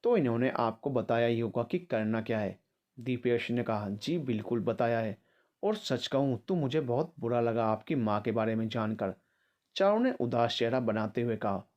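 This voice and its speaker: A man reads a family drama aloud as a storyteller, voicing the dialogue of each character without much change of voice. His pitch sits in an ordinary middle range and the reading is steady. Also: moderate pace, muffled recording. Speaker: narrator. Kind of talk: scripted story narration.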